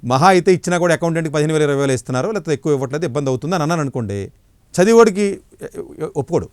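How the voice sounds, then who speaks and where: A middle-aged man, an education counselor, giving blunt, forceful answers in an interview. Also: a little high, animated, very fast, no room sound.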